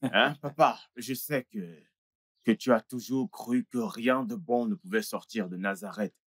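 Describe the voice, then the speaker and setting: A man's voice: lowish voice, unhurried, no echo, clean studio sound. An actor playing a boastful young man bragging to his father in a dubbed film. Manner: boastful, teasing. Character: boastful cocky young man, second son.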